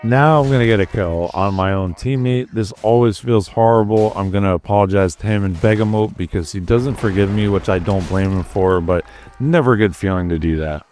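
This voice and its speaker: A young man giving a relaxed, conversational voice-over commentary on his own gameplay and sharing tips. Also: fairly low pitch, a little fast. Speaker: gaming YouTuber narrating gameplay.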